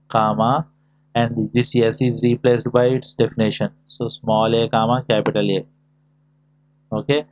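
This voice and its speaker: A man teaching a lesson, dictating notation symbol by symbol and posing short questions as he works through it step by step. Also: mid-range voice. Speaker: lecturer teaching a class. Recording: dull, lo-fi audio.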